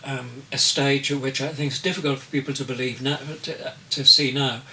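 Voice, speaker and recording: The speaker is an artist in his eighties giving thoughtful interview answers, carefully choosing words with many pauses. His bright, mid-range voice has a flat delivery and slow pace. He's seated back from the microphone, and a faint hiss runs beneath.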